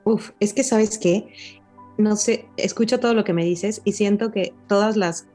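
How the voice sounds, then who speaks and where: A woman hosts a relaxed podcast conversation. Her voice is warm and mellow, and she talks expressively, slipping into other people's voices. Faint music plays underneath. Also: mid-range voice, a little slow. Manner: expressive, acts out relatives' scolding voices. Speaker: host.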